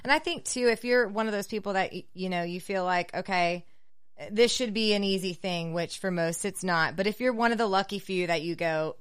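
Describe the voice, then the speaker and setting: A woman's voice: medium pitch, brisk, clear, resonant tone. A woman realtor, co-hosting and telling client stories in a chatty way. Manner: chatty storyteller, animated when quoting clients. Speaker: realtor and co-host. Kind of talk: casual podcast chat.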